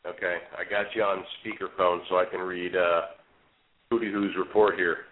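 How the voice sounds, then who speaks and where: A man's voice: low-pitched, little pitch movement, normal speed. A man co-hosting a fishing talk show, calling in on a speakerphone, chatting easily with lots of fillers. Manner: easygoing, many fillers and restarts. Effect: on speakerphone over a phone line. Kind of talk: casual fishing chat and reading a report aloud. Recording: tinny echoey speakerphone call.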